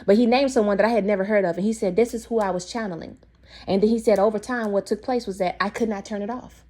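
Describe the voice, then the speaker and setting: A young woman talks straight to her viewers in a casual, opinionated monologue with a preachy edge. Her voice is mellow and warm, at an ordinary middle pitch. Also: steady tone, quick pace. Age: young adult. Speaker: video host.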